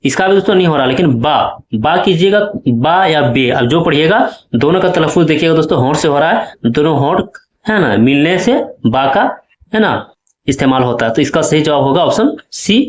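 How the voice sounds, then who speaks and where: A man's voice: fairly high pitch, expressive, a little fast, reverberant. A male teacher explaining exam questions step by step and often checking that his students follow. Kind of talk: exam-prep lesson.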